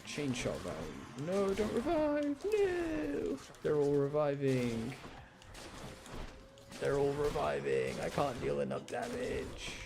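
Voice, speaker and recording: Playing a game and commenting casually, a man explains what he's doing with mild grumbling and self-deprecation. His voice is fairly high and creaky, slow, with huge swings in pitch. There's noticeable background noise.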